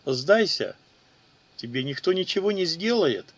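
A man voicing a smooth-talking male warrior who coaxes and flatters. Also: on the high side, measured pace, exaggerated voice. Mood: coaxing. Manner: sweet-talking, ingratiating.

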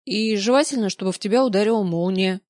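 A woman's voice: medium pitch, fast talker, darkish tone, dry recording, clean studio sound, natural voice. Woman doing a flippant, mocking angel. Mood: instructive. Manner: drawling, mocking, bossy. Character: flippant male angel, lazy and sarcastic.

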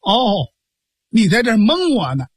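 A man voicing a bold, proud young woman martial artist who scolds briskly, with a husky voice. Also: sits high, wildly swooping pitch, no echo, clean studio sound, heavily acted. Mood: scolding.

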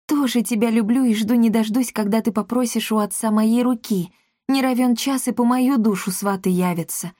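Woman doing a teasing girl in love, high, dry close sound. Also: moderate pace, warm tone, dry recording, lightly acted. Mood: playful. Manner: playful, sly. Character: sly young girl in love.

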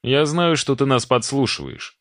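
A man's voice: mid-range voice, moderate pace, a bit bright, dry recording, clean studio sound, voice pushed up, natural voice. A man voicing a cheeky, whiny young necromancer who jokes and complains with mock indignation. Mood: teasing.

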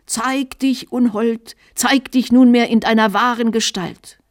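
Woman doing a shrill trembling old bishop. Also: measured pace, lightly acted. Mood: shrieking. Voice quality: trembling old voice, shrieking high. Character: old male bishop, fanatical, fearful, shrill.

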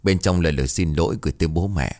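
A man narrating a scripted story in a dramatic, expressive way. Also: sits low, fast talker, no echo, studio quality.

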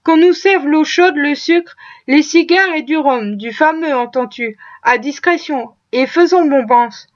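A woman's voice: high voice, a little slow. A woman voicing Haley, a scheming middle-aged slave trader who whines and wheedles, on a dull lo-fi recording. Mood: wheedling. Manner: whining, wheedling.

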